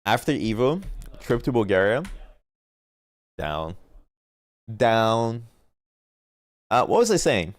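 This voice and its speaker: Sounding stuffed up, a man chats casually on stream, arguing and wandering on about competitive teams and letting points trail off. His fairly low voice has a sing-song lilt, moving slowly with long pauses, and there's no echo.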